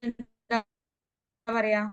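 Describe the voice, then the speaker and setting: A woman's voice: muffled recording, soft background music. Woman teaching an online grammar class. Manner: asks students questions and answers them herself; recites Arabic words slowly. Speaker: Arabic teacher.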